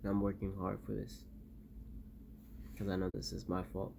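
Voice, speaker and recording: A young man playing a guilt-ridden doctor in an amateur found-footage diary, talking in a halting, subdued, weary way. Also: medium pitch, steady tone, lightly acted. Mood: weary, guilty. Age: young adult. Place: small bedroom, indoors. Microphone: phone at arm's length. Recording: noisy phone recording with clicks.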